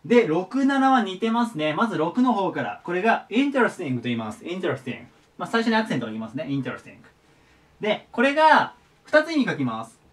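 A man giving a casual vocabulary lesson, friendly and polite, repeating each word slowly and clearly. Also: high voice, big pitch swings. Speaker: English teacher. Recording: voice a bit far from the mic.

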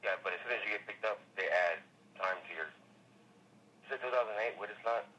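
A man's voice: lowish voice, a little fast, bright, forceful tone, slight background noise. A man working as a tow company clerk gives curt answers during a phone call, heard through a speakerphone. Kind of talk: phone conversation.

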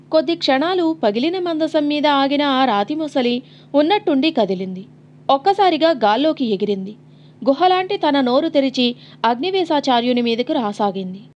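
A woman narrator reading a novel aloud in an expressive, dramatic storytelling manner. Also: high-pitched, muffled recording. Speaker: audiobook narrator.

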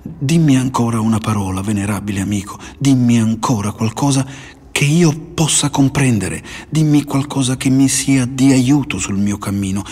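A man narrator voicing a humble, devoted old male seeker who speaks softly and reverently. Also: low-pitched, measured pace, gravelly, slightly rough, heavily acted. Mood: pleading, reverent. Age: older. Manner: soft, pleading, reverent.

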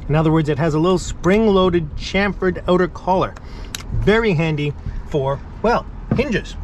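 A man's voice: a little high, expressive, moderate pace, a little hiss or hum, rough recording. A middle-aged man giving casual, upbeat how-to narration while working on a wooden boat outdoors, recorded on a nearby action camera. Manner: upbeat, explains each step while working. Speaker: boat-living vlogger. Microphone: wide-angle action camera nearby.

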